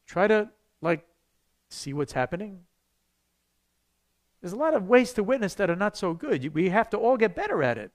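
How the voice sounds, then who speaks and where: A man, a pastor teaching an evangelism class to his church in a conversational way, breaking into sudden loud bursts. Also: high-pitched, big pitch swings, moderate pace, pauses often.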